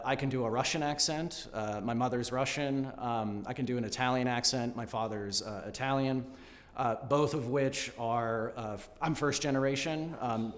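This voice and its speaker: Man, audition interview, measured and polite, mid-range voice, long room reverb. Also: medium pitch. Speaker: actor at an audition.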